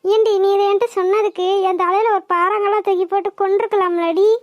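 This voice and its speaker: A woman voicing a quick-tempered young female college student who scolds fast and turns tearful. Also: very high voice, fairly even intonation, no room sound, muffled recording. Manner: scolding, fast and sharp-tongued. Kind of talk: cartoon voice acting.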